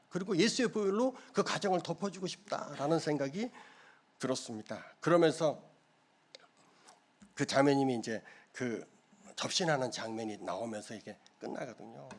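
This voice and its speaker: A middle-aged pastor from South Korea delivers an emotional sermon, and his voice runs high for a man. His pitch swings widely as he tells the story and voices its people. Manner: emotional storytelling, acting out quoted dialogue.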